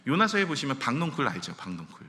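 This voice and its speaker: A man's voice: medium pitch, quick pace. A male pastor giving a conversational sermon, often putting questions to the congregation. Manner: animated, addresses the congregation directly with questions. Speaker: senior pastor. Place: church sanctuary. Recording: echoey church hall reverb.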